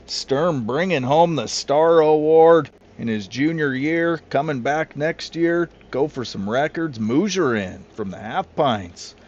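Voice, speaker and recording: A man doing casual, excitable play-by-play commentary for a league, throwing in chatty asides to his co-hosts. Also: a little high, slow, few pauses. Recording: slightly muffled with clear music behind.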